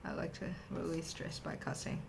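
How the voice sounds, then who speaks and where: A woman with a lowish voice gushes to camera at her desk. She rambles happily in a casual vlog chat. Faint hiss sits under her words. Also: completely flat delivery, normal speed, gravelly. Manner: gushing, rambling and enthusiastic. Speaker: vlogger unboxing a stationery haul.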